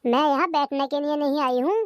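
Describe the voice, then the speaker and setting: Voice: sits high, steady tone, slight background noise, lightly acted. A voice actor playing an indignant grown daughter who takes her mother's side in a comedy cartoon. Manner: brisk, scolding and protective.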